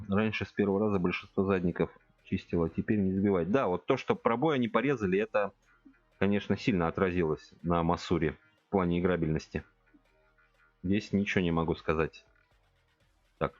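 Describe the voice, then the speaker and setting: Low-voiced man in his forties. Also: a little fast, no room sound, dull audio, soft background music. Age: 40s. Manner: relaxed thinking aloud, addressing chat directly. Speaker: game streamer. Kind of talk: casual gameplay chat with viewers. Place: home room at a computer.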